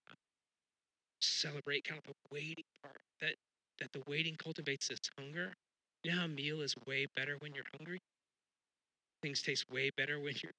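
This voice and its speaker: Bright, conversational male pastor preaching. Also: fairly high pitch, no echo, rough recording. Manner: conversational, self-deprecating, lots of restarts. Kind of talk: sermon.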